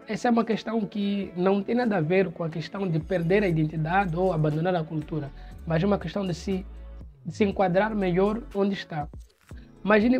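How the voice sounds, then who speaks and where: A man's voice: high-pitched, darkish tone, muffled recording. A man from Mozambique with a Mozambican Portuguese accent, giving opinion commentary on his channel in an explanatory way. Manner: explanatory, imitates accents in quoted examples.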